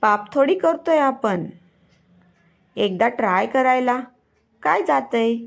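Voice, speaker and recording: Brief: a scheming young man, read by a woman narrator, teasing and slow. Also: sits high, expressive, creaky, full character voice. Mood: coaxing. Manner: coaxing, teasing banter.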